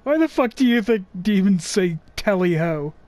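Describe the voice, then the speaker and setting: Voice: medium pitch, animated, moderate pace, a little mellow, no room sound. A person giving casual commentary over a video game. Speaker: gameplay commentator.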